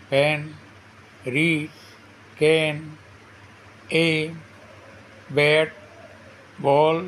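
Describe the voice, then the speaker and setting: A man gives a grammar lesson at a very slow, deliberate pace, his voice sitting a little on the high side. He says every definition twice and splits words into syllables one by one, in dictation style. A faint hum of background noise sits under the recording. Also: poor audio. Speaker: English grammar teacher.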